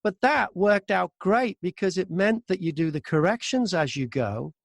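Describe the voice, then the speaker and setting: In a dry, studio-quality recording, a man with a high, gravelly voice talks animatedly at a moderate pace. He's an audiobook narrator chatting casually as an interview guest, sharing stories and acting out both sides of conversations.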